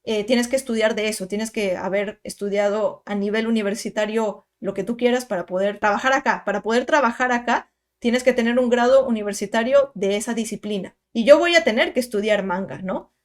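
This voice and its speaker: A young woman, her voice sitting a little high. She talks straight to her viewers in a casual storytime monologue. She is emphatic and chatty, and keeps adding asides and little tag questions. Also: brisk. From Peru. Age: 20s. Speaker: content creator.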